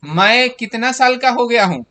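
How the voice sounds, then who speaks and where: A man's voice: very high voice, lively intonation, moderate pace, sharp tone. A man, teaching a class and walking students through exam answers by asking them questions. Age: 30s. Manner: explains step by step, quizzing students with questions.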